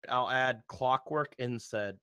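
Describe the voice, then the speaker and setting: A man's voice: medium pitch, slow pace, sharp tone, smooth, dry recording. A man playing a tabletop game, talking casually and informally about his character's moves.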